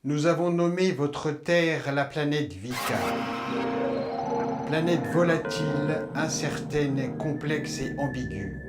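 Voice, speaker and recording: A man playing an aloof alien emperor who lectures humans in a formal, measured, detached way in a science-fiction drama. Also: a little high, faint music behind. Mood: solemn, lecturing. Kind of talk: scripted science-fiction monologue. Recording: loud background noise and ambience.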